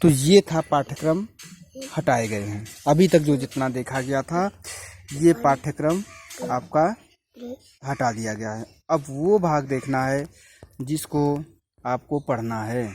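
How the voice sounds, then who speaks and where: A man, a chemistry teacher, reading out a syllabus. He works through a steady list of chemical terms and now and then corrects himself mid-word. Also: mid-range voice, slow, soft background music.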